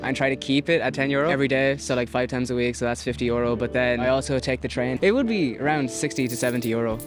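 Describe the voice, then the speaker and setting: A young man answers quickly and loosely, with plenty of filler words. He is recorded outdoors with music underneath. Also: medium pitch. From Ireland. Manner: casual, filler-heavy. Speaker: student interviewee.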